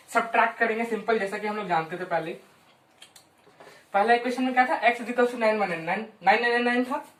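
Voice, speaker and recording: A woman walks through a maths proof in a loose, conversational way and keeps checking that her listeners are following. She slows right down on long runs of digits. Her voice sounds roomy and a little distant from the mic. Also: fairly high pitch. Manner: chatty, keeps checking in with "ठीक है" and "हाँ". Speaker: maths teacher. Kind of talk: informal whiteboard lesson.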